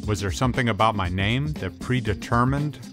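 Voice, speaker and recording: A middle-aged man, a tough-guy film expert, hosts a documentary, reading scripted narration full of colloquial, hardboiled slang. His voice sits on the low side and moves briskly, with music playing behind him.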